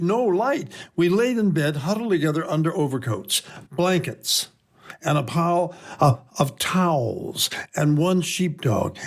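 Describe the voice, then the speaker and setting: An older man narrates his own essay with wry, reflective timing, lingering on phrases with slow pauses. His voice sits a bit high for a man. The reading is scripted but personal, like a columnist at the mic.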